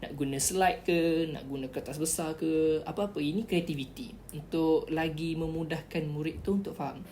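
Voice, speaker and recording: A woman's voice: low voice, moderate pace, hardly any pauses, warm tone, a little hiss or hum. A woman giving chatty, instructive tips in a casual tutorial vlog, repeating key words as she explains. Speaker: vlogger giving interview tips.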